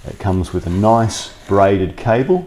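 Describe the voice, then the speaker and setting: Speaking slowly in a fairly low voice over background noise, a workshop vlogger chats casually through a product review. He thinks aloud as he works in his cold workshop, recorded on a clip-on lapel mic.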